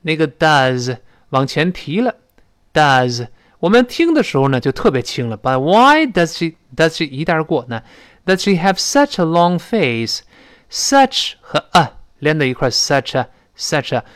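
A man teaching a spoken English lesson who explains pronunciation and slowly models English phrases with a Mandarin Chinese accent. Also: on the high side, very animated, fairly bright tone, no echo, studio quality.

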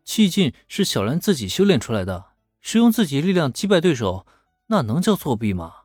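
A man voicing a calm, patient young male mentor who reassures with light teasing. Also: on the high side, fairly quick, slightly rough, no echo, clean studio sound, faint music behind. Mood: reassuring.

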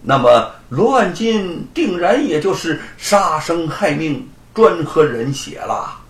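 A sharp-tongued young scholar, as a storyteller puts him on, quick-witted and pointed. The voice is a little high and moves a lot. A roomy echo sits on the recording. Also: male voice, big pitch swings, exaggerated voice.

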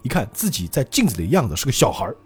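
Animated man retelling a story. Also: mid-range voice, very fast, husky, soft background music. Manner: lively, acting out every line. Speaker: podcast host.

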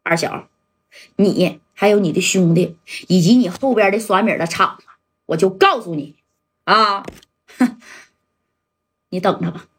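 A woman voicing a cold, low-voiced gang boss. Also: breathy edge. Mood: threatening. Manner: cold, measured threats. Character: tough male gang boss, calm and threatening.

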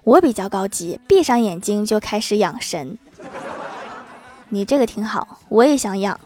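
A woman's voice: mid-range voice, big pitch swings, moderate pace, darkish tone. A woman hosting a podcast, reading out jokes and listener comments and adding playful, teasing remarks after each one. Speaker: podcast host.

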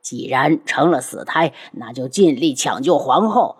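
A woman's voice: rumbling low, expressive, measured pace, slightly rough, pitched below the performer's own voice, full character voice. A woman voicing a furious, domineering male emperor who barks commands in a storybook reading. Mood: angry. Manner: commanding, threatening.

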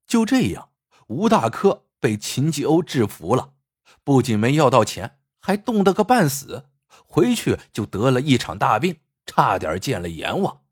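A man narrating a folk tale in an expressive storytelling style. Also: medium pitch, slightly rough, dry recording, studio quality.

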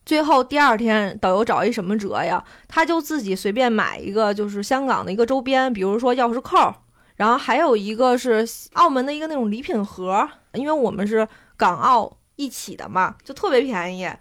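Casting: woman, slightly high voice, Beijing accent, relaxed slangy storyteller in casual conversation. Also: brisk. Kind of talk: casual chat, telling travel anecdotes.

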